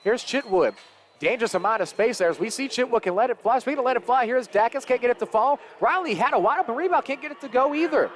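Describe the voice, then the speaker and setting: A play-by-play announcer calls a live high school basketball game, quick and energetic, his delivery rising with the action.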